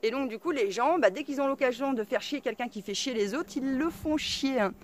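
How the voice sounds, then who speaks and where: A woman's voice: sits high, a little fast, slight background noise. A woman vlogger casually telling a story to her viewers, blunt and colloquial, swearing freely and full of fillers. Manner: chatty, full of fillers and asides. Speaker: off-grid vlogger.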